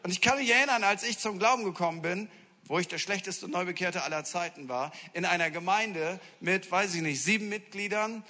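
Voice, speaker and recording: A man delivering a sermon in a church hall, his fairly high, bright, forceful voice trailing off in a long reverb. He tells humorous stories, drops into quiet asides, and bursts into loud exclamations. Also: brisk. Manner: lively storytelling with acted-out quotes and humor; switches between hushed asides and sudden loud exclamations. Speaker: senior pastor.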